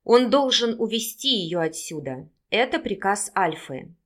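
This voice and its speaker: Female audiobook narrator, measured storytelling read. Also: medium pitch, sing-song. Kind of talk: read-aloud fiction narration.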